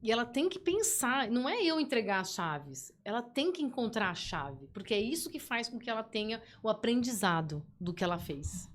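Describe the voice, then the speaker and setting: A woman, a guest telling stories in a playful, animated way. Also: on the high side, normal speed, hardly any pauses. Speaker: podcast guest. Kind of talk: casual interview chat.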